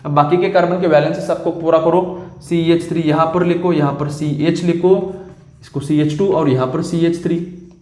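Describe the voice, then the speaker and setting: A man's voice: a little high, fairly even intonation, normal speed, dark tone. A man teaching chemistry in a classroom lecture, explaining step by step and often asking if the students follow. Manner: explains step by step, keeps checking "clear?" with students. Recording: echoey room.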